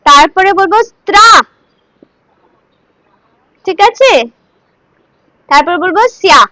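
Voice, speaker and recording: A woman with a very high, bright voice leads a slow recitation lesson. She breaks verses into syllables and coaxes her students to repeat them, recorded dry and close. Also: no room sound, low-quality recording. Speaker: Gita recitation teacher. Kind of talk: line-by-line Sanskrit pronunciation lesson.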